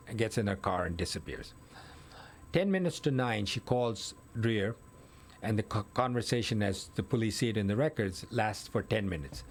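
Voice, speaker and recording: A man telling a case in step-by-step detail in a casual conversation, correcting himself as he goes. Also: medium pitch. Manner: detailed step-by-step retelling, with self-corrections and fillers. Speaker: guest recounting a murder case. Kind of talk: conversational storytelling.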